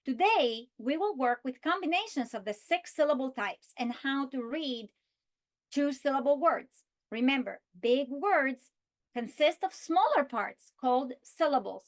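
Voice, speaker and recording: A woman with a fairly high voice explains a reading lesson plan to teachers. She speaks slowly and deliberately. She draws out words as she models how to say them. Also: expressive. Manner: slow, deliberate delivery, stretching key words when modeling. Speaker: teacher trainer. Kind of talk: instructional walkthrough with modeled lesson script.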